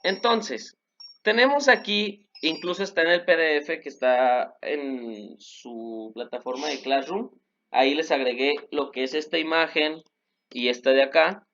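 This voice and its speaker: A young Mexican man with a Mexican Spanish accent, a French teacher patiently explaining a recorded online lesson, repeating examples slowly with fillers. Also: on the high side, a bit bright. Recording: slightly dull lo-fi recording with faint noise.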